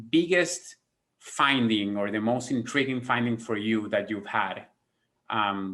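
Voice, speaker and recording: A man's voice: lowish voice, a bit bright. A man in his thirties hosting an interview over a video call from a home office, friendly and searching for words with many fillers. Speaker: host. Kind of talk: interview questions.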